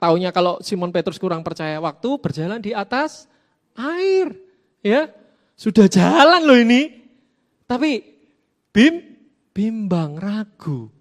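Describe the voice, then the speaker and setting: A high-pitched man gives a casual youth sermon. He keeps it lively, tossing questions and playful asides to his listeners. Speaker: youth preacher. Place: church hall.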